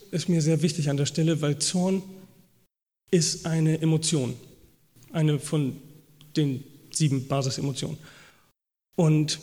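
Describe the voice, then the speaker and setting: A man's voice: a little high, mellow. A man giving a sermon, vividly acting out the voices of biblical figures as he retells their stories. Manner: acts out biblical dialogue in quoted voices. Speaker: preacher. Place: church hall. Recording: long reverb of a church hall.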